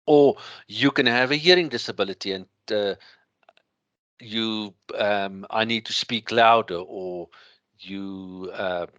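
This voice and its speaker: A man with a thick Afrikaans accent lecturing through slides, explaining in a halting way with everyday examples. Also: on the low side, fairly bright tone, no room sound.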